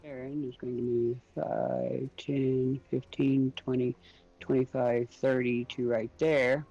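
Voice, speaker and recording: A man's voice: medium pitch, little pitch movement, slow, gravelly, mellow, lo-fi sound. A man playing a tabletop roleplaying game, casually talking through rules and his moves. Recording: faint music behind the voice.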